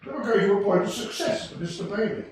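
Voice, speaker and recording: Male actor as heavenly narrator, radio play, patient, explanatory, slightly high pitch, very reverberant. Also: animated, quick pace, a loud crowd. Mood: matter-of-fact. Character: heavenly narrator patiently recounting a man's life. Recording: echoey room, distant mic.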